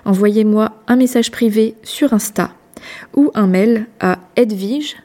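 Brief: woman host, mellow warm voice, calm read-out outro. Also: mid-range voice, a little slow. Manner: calm, even, read aloud. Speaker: podcast host. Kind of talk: scripted outro.

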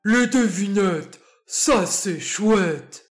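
Bouncy cartoonish pup in a kids' storybook, eager and playful, drawn-out words, as a woman reads him. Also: mid-range voice, lively intonation, soft background music. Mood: excited. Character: excitable young male dog, a ball of energy. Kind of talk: storybook reading for children.

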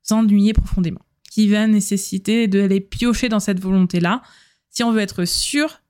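A woman's voice: medium pitch, darkish tone. A woman hosting a solo podcast, giving advice in a chatty way with many fillers and self-corrections. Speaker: podcast host.

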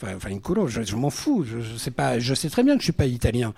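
A man's voice: medium pitch, huge pitch swings, quick pace, creaky, warm tone, husky. A man, a singer-songwriter, talking bluntly and with animation in a casual panel discussion, swearing freely.

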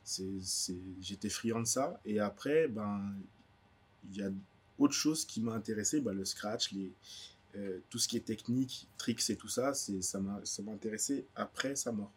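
A young man from Guadeloupe speaks in a deep, slightly husky voice. He answers interview questions casually, hesitating often and restarting his sentences. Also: moderate pace. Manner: hesitant, full of fillers and restarts. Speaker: DJ guest. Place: indoor cultural space in a bookstore.

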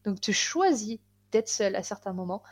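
A woman's voice: medium pitch, expressive, moderate pace. Young woman podcast guest, chatty and enthusiastic, restarts often. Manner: enthusiastic, many fillers and restarts. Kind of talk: casual podcast chat.

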